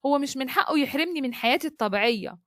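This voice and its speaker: A woman voicing a headstrong, defiant young woman, speaking in a sharp, sarcastic way. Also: high voice, animated, racing, no echo, clean studio sound.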